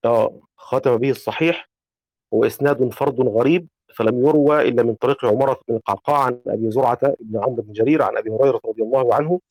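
A man reads a classical text aloud in a steady, measured way. His voice is dark and mellow. The sound is dry and close, with no room echo. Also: medium pitch. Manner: measured recitation, asks polite questions. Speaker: student reading the text aloud. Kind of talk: reading a classical text in a lesson.

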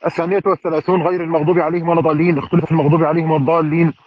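A man's voice: fairly high pitch, little pitch movement, rapid-fire, phone-quality sound. A man reading a classical commentary aloud in a study circle, with fluent, formal delivery and careful vowel endings.

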